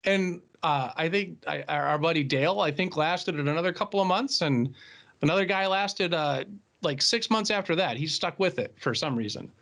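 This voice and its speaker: Midwestern man, high-pitched, animated storyteller who laughs mid-sentence, podcast co-host. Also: moderate pace, gravelly. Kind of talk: casual podcast chat.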